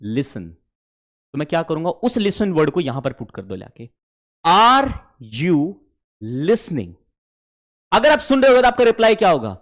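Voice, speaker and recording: High-voiced man teaching spoken English. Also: wildly swooping pitch, a little slow, long pauses. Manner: addresses students as children, repeats drill sentences. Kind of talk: classroom lesson explaining English to students.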